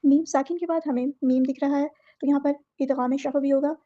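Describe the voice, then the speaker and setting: A woman teaching Quran recitation rules, explaining each word and then reciting it slowly and drawn out. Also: high voice, steady tone, warm tone, highs cut off. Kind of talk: tajweed lesson.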